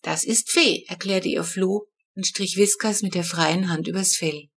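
Female narrator for a kids' audiobook, lively, clear delivery. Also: lowish voice, moderate pace. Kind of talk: scripted narration.

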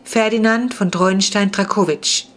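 A woman's voice: medium pitch, fairly even intonation, a little slow, close to an everyday voice. A woman reading a storybook, voicing a polite half-vampire boy of noble blood who speaks in formal, courtly, old-fashioned phrases. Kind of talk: audiobook reading.

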